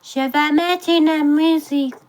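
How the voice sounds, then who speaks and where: A woman's voice: high-pitched, fairly even intonation, takes it slowly. A woman chatting casually to viewers while unboxing, trailing off and restarting often. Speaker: vlogger.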